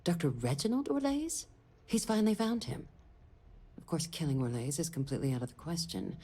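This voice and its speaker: An actress playing a stern, secretive middle-aged military official in a video game, speaking in a measured, formal, authoritative way. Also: female voice, sits low, sing-song, dark tone, husky, exaggerated voice. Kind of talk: video game dialogue acting.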